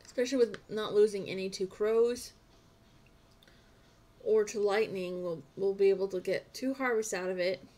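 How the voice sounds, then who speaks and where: A woman's voice: medium pitch, normal speed, darkish tone, a little hiss or hum. A woman streaming a farming game live, rambling and talking to herself as she plays. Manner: rambling, talks to herself while playing. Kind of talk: casual live gameplay chat.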